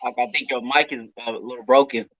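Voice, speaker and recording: A man chatting casually before a class on an online call, giving brief, relaxed replies. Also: medium pitch, a little fast, no echo, lo-fi sound.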